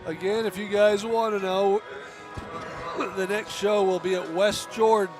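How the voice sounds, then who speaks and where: An older man calling a dirt-track race outdoors, his voice pitched high for a man. He jokes and reminisces in loose, casual commentary. Loud music plays behind him. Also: fairly even intonation, measured pace. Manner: joking, reminiscing banter. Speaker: race announcer. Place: outdoors at a racetrack.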